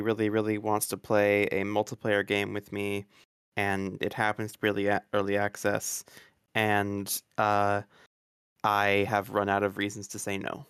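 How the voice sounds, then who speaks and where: A man on a gaming podcast panel, talking in a measured, thoughtful way. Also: on the low side, a bit bright, clear, resonant tone, dry recording, clean studio sound. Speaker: podcast panelist, game reviewer. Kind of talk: casual chat.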